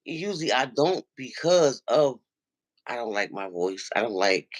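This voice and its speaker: A regular viewer with a deep, nasal voice calls into a livestream to casually retell an online argument. Speaking a little slowly, he tells it in an animated way, acting out what the other people said.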